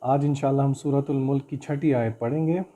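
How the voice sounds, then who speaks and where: A man teaches Quran recitation and tafseer, intoning the verses in a slow, melodic chant before switching to brisk conversational explanation. His voice is medium in pitch, steady and dark in tone.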